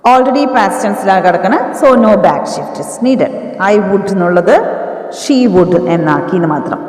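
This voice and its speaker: A woman teaching English grammar, explaining in Malayalam and dictating example sentences slowly word by word. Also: medium pitch, animated, darkish tone. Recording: echoey room, voice from a distance.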